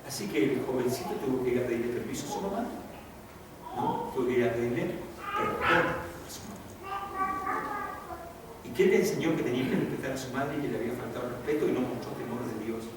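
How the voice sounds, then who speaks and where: Preaching pastor in an echoey church. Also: male voice, mid-range voice, brisk. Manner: dramatic preaching, acting out quoted voices and shouting lines. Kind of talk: sermon. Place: church sanctuary. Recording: echoey church hall, distant mic, audible noise.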